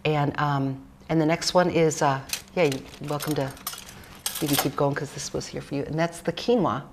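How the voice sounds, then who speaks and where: A woman's voice: low voice, steady tone, moderate pace, background noise. A woman cookbook author chatting casually through a cooking demonstration, rambling with jokes and fillers.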